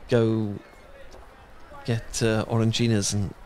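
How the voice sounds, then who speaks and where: A young British man performs a romantic ASMR audio roleplay, speaking shyly with many fillers and restarts. His voice is lowish, slow, flat and slightly mellow, with a little hiss or hum in the recording.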